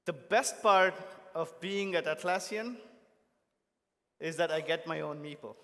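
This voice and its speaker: Reverberant higher-pitched man giving a podium speech. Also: measured pace, sharp tone. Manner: addresses audience in short, emphatic, separated phrases. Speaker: company technology chief giving a keynote. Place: large conference hall stage. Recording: long hall reverb from stage PA.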